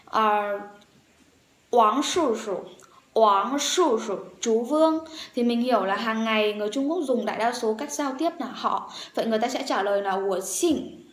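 A woman teaching a language lesson, saying words slowly and repeating them several times for learners to copy. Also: on the high side, roomy sound. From Vietnam.

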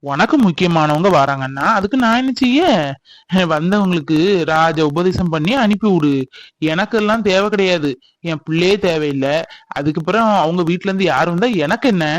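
A man's voice: high voice, lively intonation, moderate pace, no room sound. A man playing a stubborn, bitter middle-aged father in a family drama skit, speaking bluntly. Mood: stern. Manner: blunt, grumbling.

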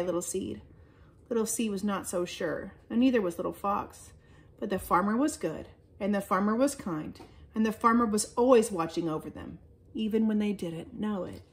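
A woman leading children's chapel, reading a children's story aloud with lively storytelling emphasis. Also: medium pitch.

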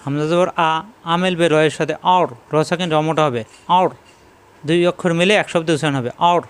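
A man with a Bangladeshi Bengali accent leads a slow spelling drill, saying each syllable and then repeating the whole word again and again. His voice sits a little high for a man and comes through smooth and clear. He stays patient and steady throughout. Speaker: Quran reading teacher.

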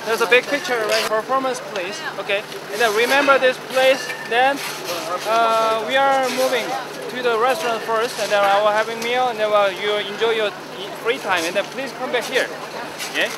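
Guy leading a tour outside, high voice, says everything twice, loud street noise. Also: steady tone, moderate pace. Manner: repetitive, checking everyone understood. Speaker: tour guide. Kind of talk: instructions to a tour group. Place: outdoor city square with traffic. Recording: noisy street recording.

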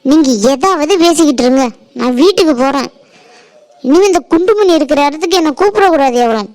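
In a cartoon, an offended village woman, played by a woman, answers in short, huffy lines. Her voice is high but pitched lower than the other women's. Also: animated, a little fast, a little mellow. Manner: curt, huffy. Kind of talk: cartoon voice acting.

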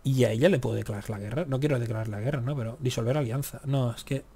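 A man's voice: medium pitch, fast talker, gravelly, warm tone, breathy edge. A man giving casual let's-play commentary on a strategy game, muttering to himself and cursing at the game. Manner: talks to himself, grumbles and curses at the game. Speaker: gaming YouTuber.

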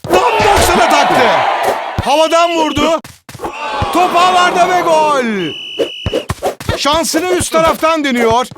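High-pitched screaming football commentator. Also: male voice, a loud crowd, heavy background noise. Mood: keyed-up. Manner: shouted exclamations, drawn-out goal calls. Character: excitable male football match commentator in an arcade video game.

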